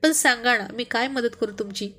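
A woman's voice: on the high side, normal speed, bright, forceful tone. A woman voicing a friendly young man who jokes with his friend in a spoken story. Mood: joking.

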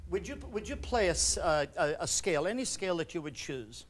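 A man leading a choral workshop, coaching singers with quick commands and questions. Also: a little high, animated. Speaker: choral conductor teaching a workshop. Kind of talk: instructional workshop talk.

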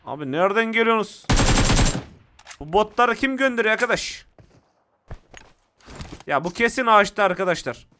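A young man giving excitable, casual commentary to viewers while playing a mobile shooter game. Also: high voice, moderate pace, long pauses, slight background noise.

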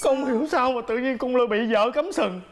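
A man's voice: extremely high pitch, quick pace, a crowd in the background. A man in his thirties playing a sulky, self-pitying elder son in a family sitcom. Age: 30s. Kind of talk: sitcom acting.

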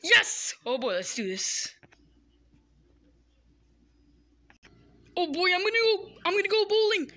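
A performer voicing an excitable, easily panicked little boy who talks to himself. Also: extremely high pitch, brisk, voice pushed up, heavily acted. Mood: gleeful.

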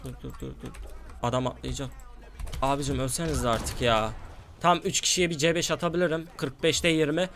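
A man giving casual gameplay commentary as a gaming YouTuber, excitable and quick to flare up at his losing teammates. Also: medium pitch, a little hiss or hum.

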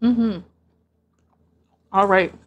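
A woman's voice: medium pitch, steady tone, drawn-out words, highs cut off. A woman in her thirties talking casually between bites in an eating vlog, recorded on a lapel mic on her living room sofa. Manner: chatty, eating between remarks. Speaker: mukbang vlogger.

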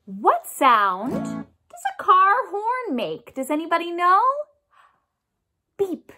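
A woman in her thirties leading a music lesson for young children, speaking in a broad, theatrical singsong with animated questions and encouraging call-and-response. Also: extremely high pitch, takes it slowly. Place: small home room, indoors. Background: acoustic guitar she plays.

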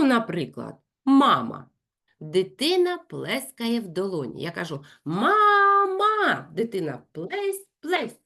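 A woman running a consultation for parents, speaking slowly and clearly and acting out lively sing-song examples. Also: fairly low pitch. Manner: addresses parents directly, gentle and instructive. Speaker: speech therapist consulting parents.

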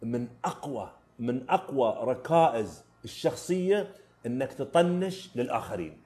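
A man's voice: medium pitch, sing-song, moderate pace, dark tone, faint music behind. A man with an Omani Arabic accent, hosting a live stream where he answers viewers' driving questions in a casual, emphatic way and repeats his key phrases. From Oman.

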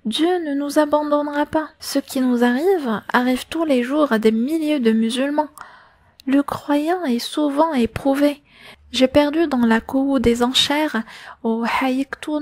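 A grave, devout middle-aged father speaks calmly and steadily in an audiobook, as a high-voiced woman narrator reads his lines. The voice is light and close, in a dry recording. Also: dry recording. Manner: calm, steady, consoling. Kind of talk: audiobook reading of a novel.

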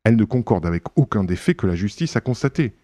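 A man's voice: on the low side, sing-song, fast talker, dark tone, no echo, pitched above the performer's own voice. A man reading an audiobook, voicing an aristocratic count who answers curtly and impatiently. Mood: irritated. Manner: impatient, irritable, curt.

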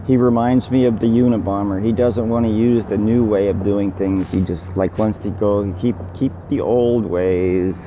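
A man's voice: on the low side, steady tone, normal speed, few pauses. A man in his fifties grumbling and rambling casually to camera, often repeating himself. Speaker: vlogger. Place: outdoors, car window and laundromat. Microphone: phone held at arm's length. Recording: muffled handheld phone recording with hum.

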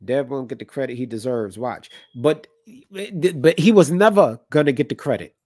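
A medium-pitched, slightly mellow voice at normal speed belongs to a man in his thirties hosting a boxing livestream, a bit stuffy from a cold. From a home room with colored lights, he chats opinionatedly with his live chat and reads comments aloud. The recording is dry and studio quality.

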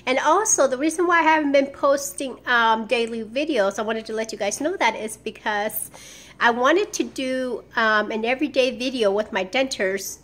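A woman's voice: fairly high pitch, moderate pace, a bit bright. A woman in her thirties talking at home in a casual vlog, wearing dentures and rambling with many ums and restarts. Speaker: vlogger.

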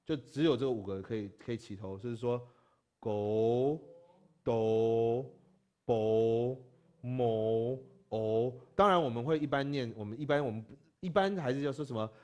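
A man teaching a classroom language lesson. He spells out syllables slowly and often checks that his students follow. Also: mid-range voice, expressive, highs cut off.

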